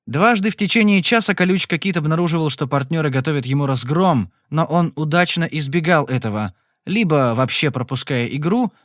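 A man narrating an audiobook Western in a steady, measured storytelling voice. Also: fairly high pitch, dry recording, clean studio sound.

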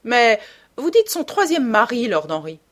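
A woman's voice: a little high, huge pitch swings, a little slow, pitched above the performer's own voice, full character voice. A woman voicing an elderly aristocratic hostess who is gossipy and teasing, reading an audiobook with exclamatory emphasis.

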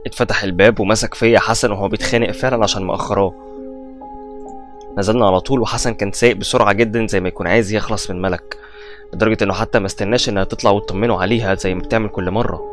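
Fast-talking Egyptian horror narrator. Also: male voice, on the low side, steady tone. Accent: Egyptian Arabic. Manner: tense first-person storytelling. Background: faint background music.

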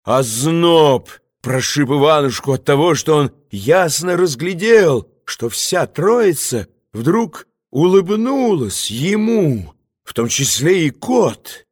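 A man narrating an audiobook in a deliberate, expressive style. His slightly high voice moves lively in pitch at a slow pace, recorded close and dry. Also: slightly rough, no room sound. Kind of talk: scripted narration.

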